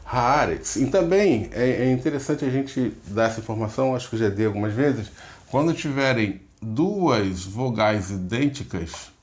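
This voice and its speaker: Middle-aged male pastor-teacher, middle pitch, patient step-by-step explainer for a recorded lesson. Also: lively intonation, moderate pace, darkish tone. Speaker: pastor teaching biblical Hebrew.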